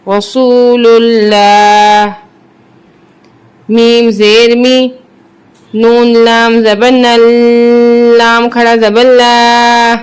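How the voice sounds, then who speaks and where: A patient teacher with a Pakistani Urdu accent stretches each syllable in slow, careful drills, then drops into brisk, lower explanations of the rules. The voice is smooth and resonant, and its pitch sits in an ordinary middle range. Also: flat delivery. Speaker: Quran reading teacher. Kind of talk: slow letter-by-letter recitation drills with quick explanations.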